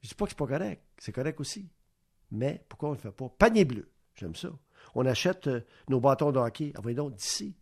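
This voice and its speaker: Man, Quebec French accent, radio host, gravelly voice, rambling monologue, rhetorical questions. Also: mid-range voice, expressive, brisk, a little mellow. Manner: rambling, asks rhetorical questions, acts out little exchanges. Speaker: radio sports show host. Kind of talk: opinion monologue.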